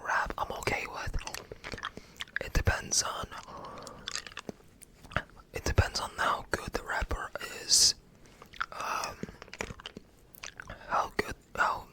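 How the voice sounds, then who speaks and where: An ASMR creator from the United States rambling casually in a breathy whisper, hesitant, self-effacing and often searching for words. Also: bright, forceful tone.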